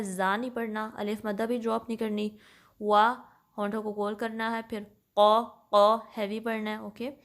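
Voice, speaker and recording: A woman teaching Quran recitation rules, explaining each sound patiently, switching between Urdu and English and reciting examples slowly. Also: on the high side. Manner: slows and recites Arabic examples louder. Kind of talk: tajweed lesson mixing Urdu and English.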